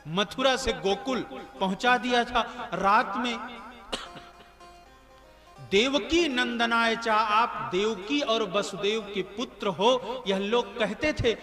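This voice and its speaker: A man voicing a grieving, devout widowed queen mother who pleads tearfully with her lord. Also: high voice. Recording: echoey hall with music behind.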